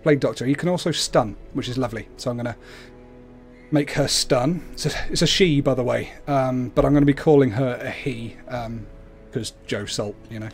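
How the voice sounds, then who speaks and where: A man's voice: medium pitch, moderate pace, soft background music. Man giving casual game commentary. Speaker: livestream host playing a video game. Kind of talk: casual explanatory gameplay commentary. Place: indoors at a computer, webcam.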